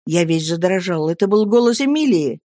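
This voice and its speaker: A woman reading a classic novel aloud in a measured, expressive narration. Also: on the low side, no room sound, studio quality. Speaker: audiobook reader. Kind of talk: scripted narration.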